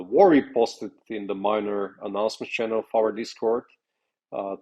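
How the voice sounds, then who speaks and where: A man presenting semi-scripted development updates in a formal, halting way, leaning on the starts of phrases. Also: fairly low pitch, warm tone, highs cut off.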